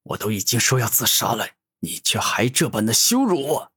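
A man's voice: fairly low pitch, animated, a little slow, husky, no echo, clean studio sound, full character voice. A man doing a proud furious villain. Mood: outraged. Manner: angry, defiant shouting.

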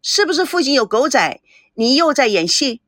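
A woman voicing a spoiled, quarrelsome young woman in an audiobook, sharp and accusing. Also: sits high, sing-song, moderate pace, no room sound, clean studio sound, full character voice. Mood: taunting.

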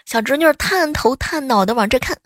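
A woman's voice: high voice, animated, fairly quick, a bit bright, no room sound, clean studio sound. A woman host telling playful, chatty funny anecdotes. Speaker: radio-style host. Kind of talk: humorous anecdote storytelling.

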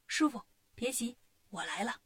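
A woman voicing a bold, quick male monkey hero who talks in a brisk, commanding way. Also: high-pitched.

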